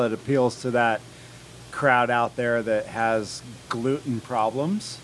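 A man speaks as a guest cider maker on a live radio show in a pub, with faint noise behind him. He explains things in a plain, matter-of-fact way and uses everyday comparisons. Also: medium pitch. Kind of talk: casual interview explanation.

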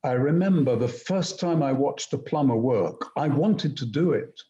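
A man being interviewed, telling anecdotes in a deliberate, articulate and emphatic conversational way. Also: mid-range voice, animated, dark tone. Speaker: interview guest, poet and screenwriter. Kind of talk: reflective conversational storytelling. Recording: slightly dull, roomy sound.

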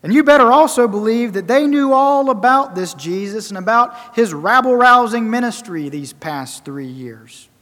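A man preaching a sermon, emphatic and rhetorical, repeating phrases for effect and swinging between loud and soft. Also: extremely high pitch, expressive, moderate pace, few pauses. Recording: long reverberant hall.

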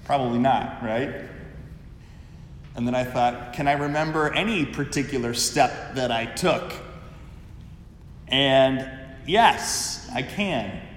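A man, a priest, reading the Gospel and preaching at Mass in an unhurried, measured way, his voice carried by a cathedral echo. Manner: slow, measured delivery. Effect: cathedral echo with long reverb. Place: large church. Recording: echoey church hall, faint rumble.

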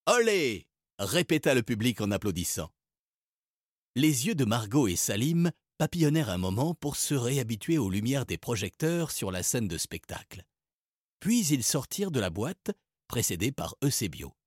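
A man narrating a children's storybook in a lively, expressive way. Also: mid-range voice, normal speed, no echo, studio quality. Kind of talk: storybook reading.

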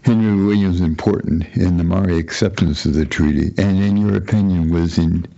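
A male interviewer asking questions in a halting way, often rephrasing himself. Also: low voice, steady tone, creaky, mellow. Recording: slightly muffled audio.

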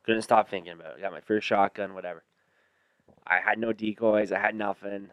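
A man with a Canadian accent and a low, smooth voice, recorded dry and close. He talks like a bro among buddies, casual and slangy, piling on hyperbole as he tells his stories. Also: fairly even intonation, fairly quick, no room sound, muffled recording. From Ontario, Canada. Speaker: podcast co-host. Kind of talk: casual hunting chat.

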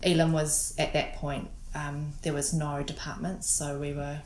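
A woman with a New Zealand accent, talking casually in an interview, relaxed and hesitant with many ums and restarts. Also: deep voice, unhurried, echoey room, a little hiss or hum, low-quality recording. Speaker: guest photographer.

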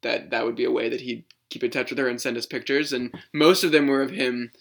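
Bright-voiced young man chatting casually. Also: mid-range voice, steady tone, quick pace, vocal fry. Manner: rambling, lots of fillers and restarts. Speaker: podcast co-host. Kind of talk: casual chat.

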